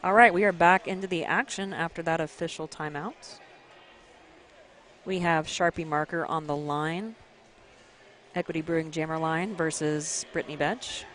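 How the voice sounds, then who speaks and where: A woman doing live roller derby commentary, chatty and quick to laugh, with sudden bursts of excitement over the action. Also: low voice, a little hiss or hum.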